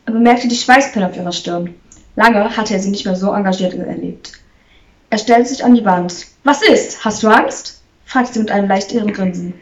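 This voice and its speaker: A woman reading a short story aloud at a steady pace, with a few slips and restarts. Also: mid-range voice, fairly quick. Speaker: reader. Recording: slightly distant, muffled recording.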